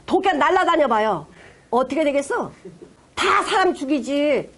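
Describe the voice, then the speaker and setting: A woman pastor preaching a sermon, retelling scripture in lively, dramatized storytelling and acting out the voices of those she quotes. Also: high-pitched, a little slow. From South Korea.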